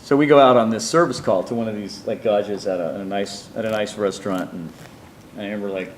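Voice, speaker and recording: A man's voice: on the low side, quick pace, roomy sound, slight background noise, low-quality recording. A man telling his life story in an interview, rambling through asides and acting out the people he quotes. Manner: meandering, many restarts and asides, acts out quoted people.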